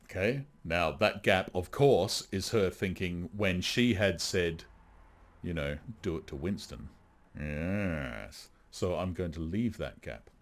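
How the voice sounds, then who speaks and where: A man's voice: sits low, animated, a little slow. A man from Australia, an audiobook narrator, chatting casually and self-deprecatingly on a live stream.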